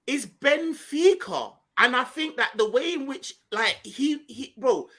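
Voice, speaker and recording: A young man of Ghanaian heritage co-hosts a podcast, chatting animatedly and casually about football, packed with slang and repeating himself for emphasis. His voice is extremely high, pushed and bright, and animated, delivered at a measured pace.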